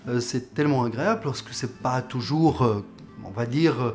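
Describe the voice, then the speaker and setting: A man's voice: mid-range voice, moderate pace, darkish tone. Man interviewer with faint music behind. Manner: frequent filler sounds, affirming interjections. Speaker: interviewer, host. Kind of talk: interview questions and remarks.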